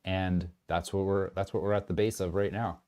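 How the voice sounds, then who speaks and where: Lower-voiced man rambling about markets. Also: moderate pace, background noise. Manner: rambling, animated, often restarts. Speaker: market commentator. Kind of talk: casual trading commentary.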